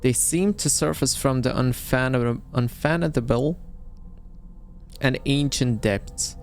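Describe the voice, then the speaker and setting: A man's voice: medium pitch, slow. Casual male gamer narrating gameplay. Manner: chatty, reacts aloud, reads on-screen text. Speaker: gameplay streamer. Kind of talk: casual let's-play commentary. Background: game music.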